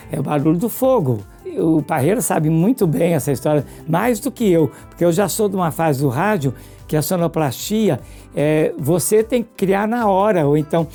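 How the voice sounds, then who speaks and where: A radio presenter with a Brazilian accent and a medium-pitched voice reminisces casually, telling stories expressively. He often turns questions back to the listener.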